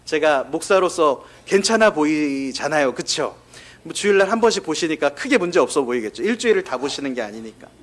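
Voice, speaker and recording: Lively-voiced male pastor preaching. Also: on the high side, a little fast. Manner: candid, confessional storytelling that addresses the congregation directly. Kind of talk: conversational sermon.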